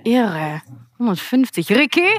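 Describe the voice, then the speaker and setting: Lively Austrian woman trainer on stage. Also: fairly high pitch, unhurried, dry recording. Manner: lively, energetic, addresses the audience directly. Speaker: business trainer and keynote speaker. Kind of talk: interactive keynote talk. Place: event hall with live audience.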